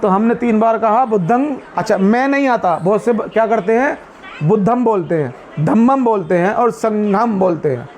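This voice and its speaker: A man speaking to a seated community meeting about Buddhist teachings, putting questions to his listeners and answering them himself, and chanting Pali verses slowly. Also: sits high, darkish tone, slight background noise. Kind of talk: explanatory talk to a seated group.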